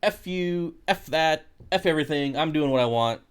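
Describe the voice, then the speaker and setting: On a casual livestream, an American man jokes around in a relaxed way while reading and answering comments from viewers. His voice is fairly high in pitch, clear and resonant, at a normal speed.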